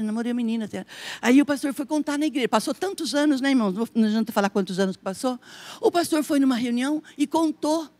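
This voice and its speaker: A woman's voice: fairly high pitch, darkish tone. A woman pastor with a Brazilian Portuguese accent, preaching a church sermon, telling funny stories and laughing often. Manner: humorous storytelling, laughing often. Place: church service.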